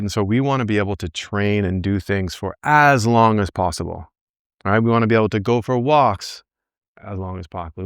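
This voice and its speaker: In a smooth voice on the low side, a man in his early forties leads a back pain group with casual motivational coaching. He often says "right?" and voices what he's thinking as quotes. The sound is clean studio quality with no room sound.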